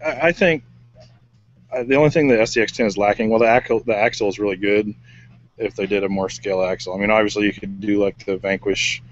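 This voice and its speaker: Low-voiced joking male co-host. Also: steady tone, fast talker, highs cut off. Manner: joking, laughs between lines. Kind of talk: casual chat.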